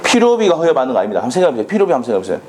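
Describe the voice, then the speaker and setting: Lively male law lecturer. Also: mid-range voice. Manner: animated, drills students with quick questions. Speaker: law exam instructor. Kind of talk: classroom lecture. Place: lecture classroom.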